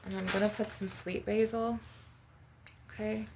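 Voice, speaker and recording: A woman talks through an ASMR session in a conversational, wandering manner. Her mid-pitched voice has plenty of gravelly fry. The recording is very noisy, with clicking and tapping behind her. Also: little pitch movement, normal speed. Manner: rambling, conversational asides. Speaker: ASMR video host. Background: tapping on glass and objects, clicking.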